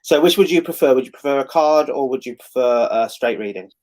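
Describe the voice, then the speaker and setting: A man's voice: medium pitch, expressive, brisk, darkish tone. Casual male live show host. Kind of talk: casual chatty hosting.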